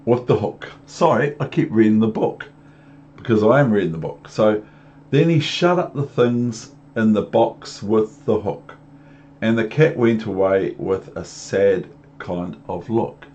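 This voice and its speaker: In a muffled lo-fi home recording with background noise, a New Zealand man reads a picture book to young children, breaking off for chatty asides and questions. His voice is on the low side and darkish, at a measured pace, and he reads rhythmically and repetitively, talking down to the kids with questions.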